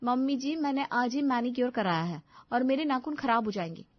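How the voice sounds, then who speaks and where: A woman's voice: a little high, fairly quick, no echo, lightly acted. Woman playing a bratty spoiled young bride. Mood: dismissive. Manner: bratty, dismissive whining. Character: lazy spoiled young bride, rude and dismissive. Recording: dull lo-fi dry recording.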